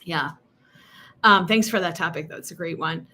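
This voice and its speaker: A woman's voice: fairly low pitch, moderate pace, sharp tone. A woman co-hosting a live-stream podcast, reading out listener topic ideas and chatting with many ums and frequent laughs. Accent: General American, New York accent lost. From New York. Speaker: podcast co-host.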